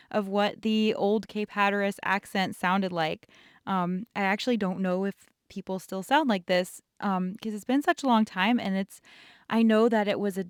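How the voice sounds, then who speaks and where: Chatty woman with a smooth, dry voice. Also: mid-range voice, dry recording. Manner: chatty, rambling, laughs often. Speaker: art channel host. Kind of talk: casual storytelling while sketching.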